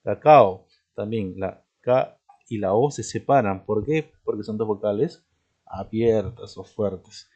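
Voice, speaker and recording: A man with a fairly low voice teaches a recorded grammar lesson, explaining patiently and pausing to check in with his listeners. He lingers on each example word and stresses it carefully. The recording sounds muffled and lo-fi. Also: darkish tone. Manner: explanatory, repeats "¿de acuerdo?" and "¿no?" as check-ins; spells out words slowly, stressing each example. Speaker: language teacher. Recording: dull lo-fi recording.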